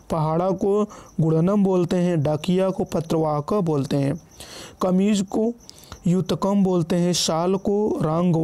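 A man's voice: high voice, dark tone. A man teaching an exam-prep vocabulary lesson, going down a list word by word, often checking in with listeners and correcting himself. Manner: repeats "ठीक है" as a check-in, self-corrects.

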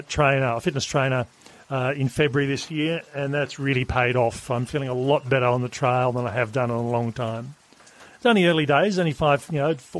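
Rambling man on a hiking trail. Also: medium pitch. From Australia. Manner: relaxed, rambling, with many fillers and restarts. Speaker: podcast host. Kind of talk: on-trail audio diary. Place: outdoors on a rail trail.

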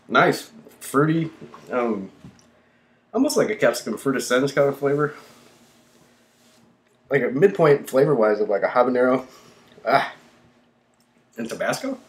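A man, casually talking through a hot pepper tasting in a rambling, laid-back way, sighing and puffing from the burn. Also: medium pitch. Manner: laid-back, rambling, lots of ums and likes. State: panting and sighing from chili burn. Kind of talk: casual unscripted vlog.

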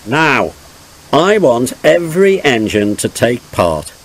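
A man's voice: mid-range voice, very animated, slow pace, voice pushed up, exaggerated voice. A man voicing a stout railway boss in a firm, commanding way.

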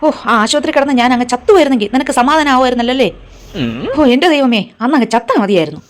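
A stubborn, devout grandmother in her later years, played by a woman in a short drama. She wails and lays on the guilt, her voice swooping up and down and a little high as she rushes her words. There is a faint hiss under the voice. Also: animated. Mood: wounded. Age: older. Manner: melodramatic, guilt-tripping, wailing. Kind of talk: short film acting.

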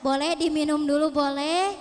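A woman's voice: high voice, fairly even intonation, moderate pace. A woman preacher, playfully teasing the audience in a call-and-response sermon. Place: large hall at a religious event. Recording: echoey hall.

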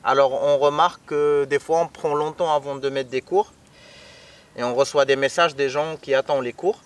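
A man's voice: fairly high pitch, fairly even intonation, clean tone. Man teaching phrases. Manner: patient, repeats phrases slowly for learners. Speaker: co-host teaching Moroccan Arabic. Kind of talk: casual language lesson. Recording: voice a bit far from the mic.

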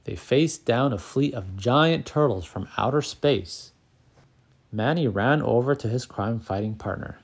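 A man narrating a children's picture book aloud, calm and clear, as the channel's storyteller. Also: medium pitch, unhurried.

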